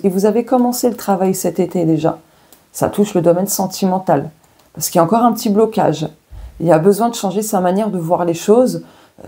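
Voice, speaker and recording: Woman, French accent, oracle card reading, chatty asides, dark mellow tone, husky. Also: mid-range voice. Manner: chatty, thinks aloud with many fillers and self-asides. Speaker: tarot and oracle card reader. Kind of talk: casual weekly card reading to viewers.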